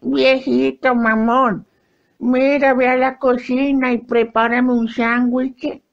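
A nagging old wife in a high, creaky, very slow drawl. She barks orders at her husband. The sound is muffled and lo-fi. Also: flat delivery, heavily acted. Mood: bossy. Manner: drawling, demanding.

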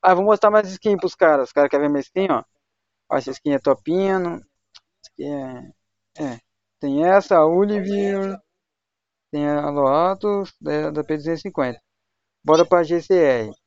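A young man from Brazil keeps up slangy, chatty talk with voice chat while playing on a gaming livestream. His voice sits on the high side at normal speed with frequent pauses, and his home stream mic is dull and lo-fi.

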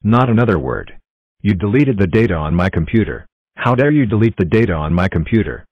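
A male text-to-speech voice plays a bossy boy who scolds and accuses in a cartoon. He repeats his words over and over in a very deep synthetic voice. The sound is dry and dull. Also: sing-song, a little fast, no room sound. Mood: furious. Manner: shouting repetitions, scolding.

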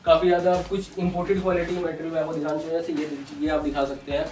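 A young man who wholesales soft toys walks viewers through his warehouse stock. He talks in a brisk sales patter and reels off prices. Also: on the high side, level tone, far from the mic, a little hiss or hum. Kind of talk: casual product walkthrough. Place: large indoor toy warehouse showroom. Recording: roomy echo, voice off-mic.

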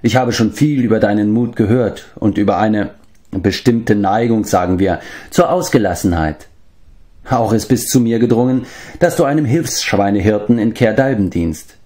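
A man's voice: lowish voice, dark tone, lightly acted. A man doing Medwin, a stately old keeper of beasts. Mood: kindly. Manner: measured, stately storybook speech. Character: wise old man, keeper of animals, grave.

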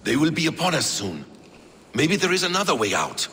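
A low-voiced hooded warrior, grave and watchful, swingy intonation, video game scene. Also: male voice, animated, creaky, fairly bright tone, a little hiss or hum, full character voice. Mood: urgent caution. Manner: measured, grave, formal phrasing. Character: watchful, solemn hooded warrior man, cautious mentor. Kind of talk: video game dramatic acting.

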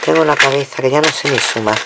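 Speaking quickly with a very deep, fry-tinged voice, a woman from Spain presents her craft-supply haul at the table, chatting to viewers and tallying items out loud. Packets crinkle through the noisy home recording.

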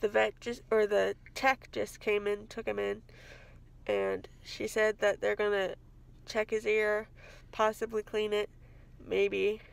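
A woman's voice: medium pitch, animated, slow pace, creaky, clean tone. A woman in her thirties giving a casual, rambling vlog update into a phone held at arm's length. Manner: chatty, rambling, self-correcting. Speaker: vlogger. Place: home kitchen, then parked car.

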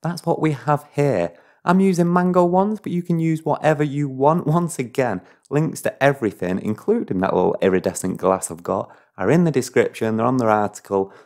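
Hosting a cocktail recipe video, a man talks viewers through every step in a playful, chatty voice-over with apologetic asides. His medium-pitched voice is animated and brisk, with a darkish tone and hardly any pauses.

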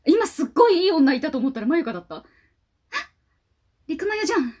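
A woman records a casual fan reaction to a music video. Her voice sits high and swings widely, and she gushes excitedly, half talking to herself. She keeps an informal, chatty style throughout. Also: quick pace. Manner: gushing, excitable, talks to herself.

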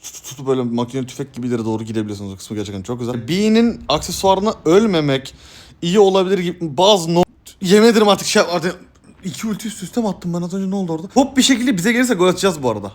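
A young man commenting excitedly on his gameplay, hoarse from shouting, jumping between loud high yelps and low mumbled asides. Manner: bursts into loud high yelps and laughter, then drops to mumbling. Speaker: gaming streamer.

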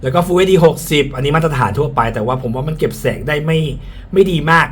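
A man's voice: fairly high pitch, fast talker. A man speaking through a face mask, slightly muffled, giving a frank, casual product review and often repeating his points. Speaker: tech reviewer. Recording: clear background ambient noise.

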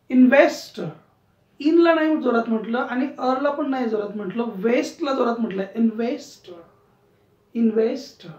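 A woman teaching English pronunciation in a classroom lesson, repeating words slowly and stressing syllables, often asking her learners questions. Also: a little high, a little mellow. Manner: asks learners questions and checks understanding. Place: room with a writing board. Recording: roomy, distant and dull sound.

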